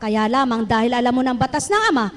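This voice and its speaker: Woman preacher from the Philippines, high voice, rousing sermon, keeps calling questions out to the congregation. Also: lively intonation, fast talker, long reverb tail.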